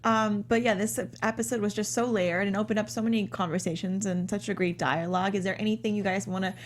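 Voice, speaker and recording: A woman's voice: mid-range voice, fairly even intonation, fast, slight background noise. A woman hosting a review panel, chatty and upbeat with plenty of fillers. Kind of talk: casual panel discussion.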